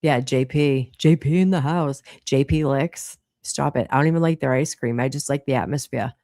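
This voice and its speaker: Boston woman in her thirties hosting a live chat, blunt and foul-mouthed, with a gravelly voice recorded close and dry. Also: a bass voice, normal speed, mellow, no echo. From Boston, Massachusetts. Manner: chatty, blunt, swears freely. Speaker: livestream host. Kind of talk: casual late-night live chat.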